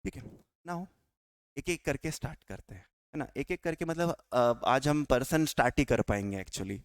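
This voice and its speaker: A man's voice: mid-range voice, normal speed, dry recording, clean studio sound. A man teaching a tax law class with an Indian accent, quizzing students and answering his own questions. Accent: Indian English. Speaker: tax lecturer. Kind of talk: classroom lecture.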